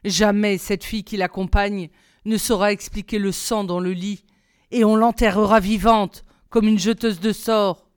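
A woman reading aloud, voicing a cold, scheming palace woman plotting murder in a quiet, deliberate way. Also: mid-range voice, steady tone, clear, resonant tone, dry recording, studio quality, natural voice. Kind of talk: storybook reading.

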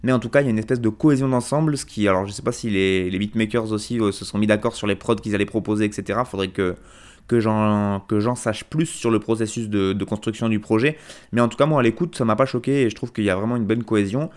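Casting: male radio host, lowish voice, loose rambling delivery. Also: fairly even intonation, fast. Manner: rambling, many fillers and restarts. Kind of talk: casual radio presenting.

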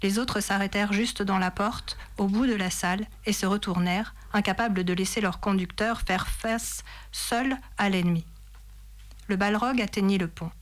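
A woman's voice: medium pitch, steady tone. Woman reading a novel dramatically. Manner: dramatic, measured storytelling. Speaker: reader. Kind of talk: expressive reading of a novel passage.

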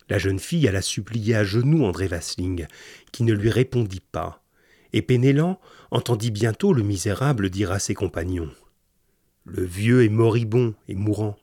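Husky-voiced man reading a storybook. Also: on the low side, no room sound, studio quality. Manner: calm, measured reading. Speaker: audiobook narrator. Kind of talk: measured storybook narration.

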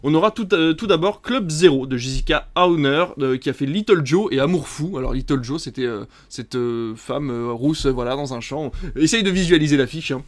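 A man's voice: fairly high pitch, expressive, fairly quick, hardly any pauses. A man hosting a casual film podcast, reading a long list of titles with many hesitant fillers. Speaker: podcast host.

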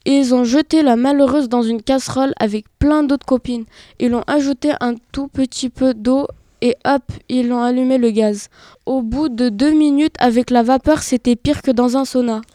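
A woman's voice: sits high, steady tone, normal speed, dark tone, no room sound, studio quality, lightly acted. A woman voicing a gossipy, dramatic female golden apple, telling her tale with indignant alarm in an amateur web radio reading. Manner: indignant, breathless storytelling.

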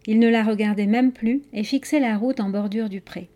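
A woman's voice: a little high, fairly even intonation, normal speed, mellow. A woman reading a children's novel aloud, narrating steadily and expressively. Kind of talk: read-aloud storytelling.

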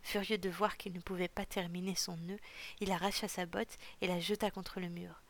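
A woman narrating a novel chapter in a calm, measured, often half-whispered way. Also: on the low side. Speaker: audiobook narrator. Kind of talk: scripted narration.

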